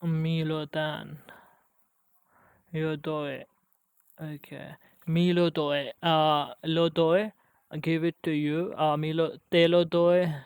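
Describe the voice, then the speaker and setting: A man practicing language conjugations aloud on his own, halting and restarting often as he works through a lesson. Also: fairly high pitch, flat delivery, smooth, no echo. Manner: halting, with frequent restarts and hesitations. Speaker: language learner. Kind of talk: self-study language practice.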